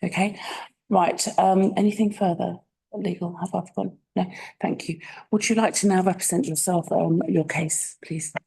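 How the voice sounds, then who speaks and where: London woman running a council hearing, gravelly low voice, husky, brisk. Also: fairly even intonation, mellow, rough recording. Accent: London English. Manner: brisk, direct. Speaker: committee chair. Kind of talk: chairing a formal meeting. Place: council meeting room.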